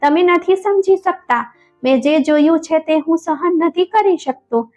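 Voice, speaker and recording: A woman's voice: high-pitched, moderate pace, close to an everyday voice. A woman voicing a young adult son, anguished and ashamed, crying out in despair, in a dull lo-fi recording with faint music behind. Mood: anguished shouting.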